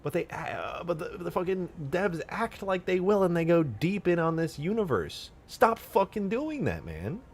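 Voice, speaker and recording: A young man streaming from home, ranting in casual chat, swinging from mutters to loud outbursts and cursing a lot. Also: high-pitched, lively intonation, normal speed, hardly any pauses.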